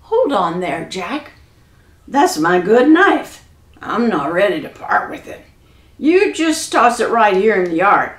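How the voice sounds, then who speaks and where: A woman voicing a big gruff male giant who talks in a folksy rural way. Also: medium pitch, big pitch swings, slow, echoey room.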